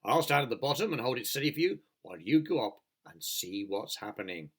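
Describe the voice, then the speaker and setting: A man's voice: medium pitch, big pitch swings, brisk, slightly rough. A man voicing a worried, grumbling police chief in a storybook reading. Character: gloomy, fearful police chief, middle-aged man.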